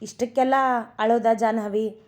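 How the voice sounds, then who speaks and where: A calm, caring young husband from a read-aloud love story, talking gently and reassuringly, as a woman narrator voices him. His lines keep the light, slightly high voice of the reader. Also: moderate pace, natural voice. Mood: coaxing.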